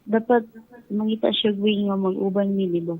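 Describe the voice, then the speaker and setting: A Filipino woman with a Cebuano accent calls in by phone, sharing her opinions casually and deferentially. Her mid-range voice is fairly even at a moderate pace, and the call sounds dry and muffled over faint music.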